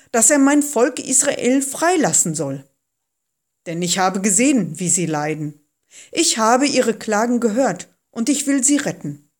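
A woman's voice: fairly high pitch, darkish tone. Woman reading God's solemn, commanding voice. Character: God speaking from a burning bush, calm and commanding.

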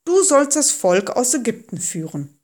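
A woman's voice: a little high, very animated, unhurried, darkish tone, voice pushed up. A woman voicing God speaking from a burning bush, solemn and commanding, in a read-aloud storybook.

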